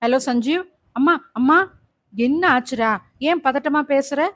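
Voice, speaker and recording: A gentle middle-aged mother, soft-spoken and concerned for her family, read by a woman narrator. The voice is high, dry and close. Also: takes it slowly, no room sound. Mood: worried.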